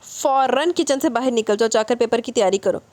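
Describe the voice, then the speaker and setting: A stern middle-aged mother scolds her daughter in slow, firm words, as a woman reading the story puts her on. Her voice rides a little higher than the narration and lands with more force. The recording is dry and close. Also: a little mellow, no echo, natural voice. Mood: scolding.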